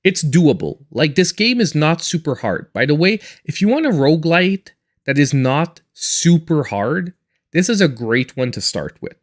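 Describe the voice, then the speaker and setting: A man's voice: fairly high pitch, big pitch swings, measured pace. A man in his forties chatting casually and in a reserved way while he live-streams a game as host. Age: 40s.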